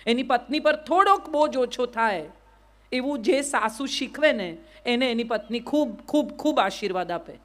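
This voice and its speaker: Woman, Gujarati accent, high pitch, motivational talk, rhetorical questions to audience. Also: expressive, moderate pace, a bit bright. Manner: asks the crowd rhetorical questions, repeats "yes or no". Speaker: public speaker. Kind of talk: motivational speech to a live audience.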